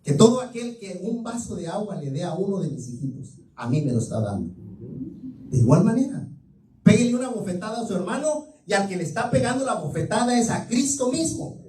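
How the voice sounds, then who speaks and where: High, animated male preacher in an echoey church. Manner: fervent storytelling preacher, dramatic retelling. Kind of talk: sermon. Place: church sanctuary. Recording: echoey room, mic far off.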